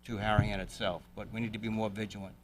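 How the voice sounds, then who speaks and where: A man, a police chief giving an earnest, deliberate public address in a city council chamber. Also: lowish voice, flat delivery, a little hiss or hum. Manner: earnest, deliberate, plain-spoken.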